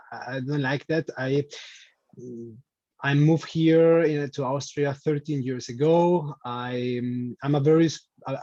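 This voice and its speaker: A man's voice: medium pitch, warm tone, no echo, lo-fi sound. A man from Spain, a guest on an interview show, speaking casually with many restarts and fillers. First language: Spanish. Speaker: podcast guest.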